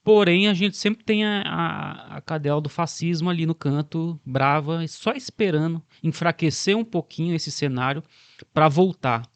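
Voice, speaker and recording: Reflective and given to long arguments, a Brazilian Portuguese-accented podcast host discusses politics and frequently ends his points with a questioning tag. His voice is a little high and a little slow, with a clean tone and no room sound.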